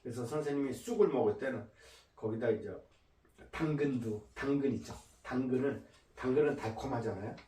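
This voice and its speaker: A man teaching a lecture, often repeating words slowly to drill their pronunciation. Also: medium pitch, warm tone, roomy sound, far from the mic, a little hiss or hum. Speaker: English teacher.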